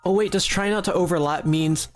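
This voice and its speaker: Streamer, mid-pitched voice, giggly and rambling, mock-serious jokes to chat, faint music underneath. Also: brisk. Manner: giggly, rambling, often restarts mid-sentence. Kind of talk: casual live-stream commentary while making a game.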